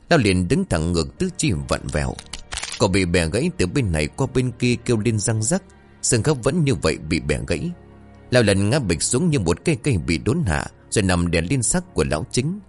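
A man reading a horror story aloud as scripted narration, in a dramatic, expressive way. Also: deep voice. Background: faint music.

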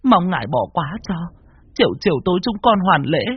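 A man's voice: high voice, very animated, fairly quick, breathy edge, no echo, lo-fi sound, pitched above the performer's own voice, full character voice. A man voicing an old village woman humbly praying to a spirit, pleading.

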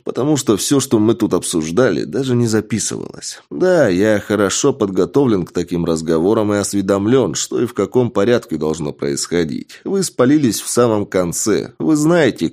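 A man voicing a brazen, excitable young male suspect who talks in a cheeky, mock-earnest way in an audiobook. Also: on the low side. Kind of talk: audiobook character voice.

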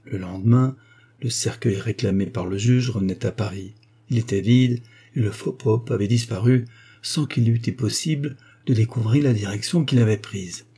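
A man narrating a classic novel in a steady, dramatic reading style. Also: lowish voice, moderate pace, husky. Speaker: audiobook narrator. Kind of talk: scripted narration.

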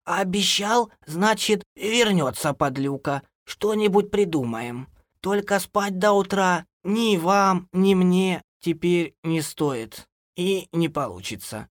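A man reading an audiobook, voicing a bossy old grandmother who scolds in a loud, folksy way. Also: sits high, animated, slow, no room sound, clean studio sound, voice pushed up. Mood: reassuring. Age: older. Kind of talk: audiobook character voice.

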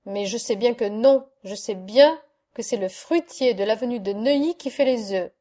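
A woman's voice: on the high side, moderate pace, warm tone, lightly acted. A woman reading as a small, curious and chatty boy who asks eager questions.

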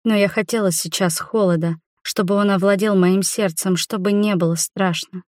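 A woman narrating a novel in the first person with an expressive, emotional reading. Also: mid-range voice, moderate pace, no room sound, studio quality. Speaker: audiobook narrator.

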